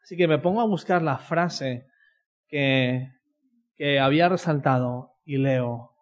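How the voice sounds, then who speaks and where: Telling his testimony of faith in a chatty way, this man keeps tagging "no?" onto the ends of sentences. He speaks unhurriedly at a medium pitch.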